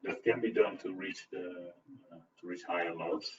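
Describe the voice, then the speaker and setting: A man's voice: low-pitched, fairly even intonation, normal speed, slight background noise. A man presenting at an online technical talk, answering a question by thinking aloud and searching for words over a video call. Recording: roomy, distant, muffled call audio.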